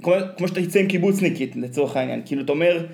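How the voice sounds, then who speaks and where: Speaking with an Israeli accent, a man tells anecdotes in a casual, rambling, colloquial way, filling his talk with slang fillers. His slightly high voice has a darkish tone and some vocal fry.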